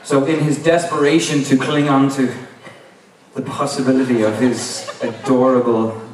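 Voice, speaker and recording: A man's voice: medium pitch, noisy background. A man, a singer-songwriter rambling wryly through a story on stage between songs. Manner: rambling, wry, with laughs and profanity. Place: large concert venue. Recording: live concert, roomy and distant.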